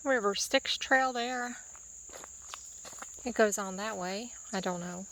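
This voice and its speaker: A woman's voice: medium pitch, takes it slowly, sharp tone, poor audio. A woman vlogger giving casual travel narration, musing aloud in short fragments as she hikes.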